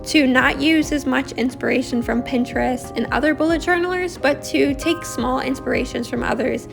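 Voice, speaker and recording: A young Australian woman who vlogs about bullet journaling gives a casual voice-over while drawing, with music behind her. Her voice sits high and sounds raspy from a harsh throat, and she rambles chattily at a moderate pace, using many fillers.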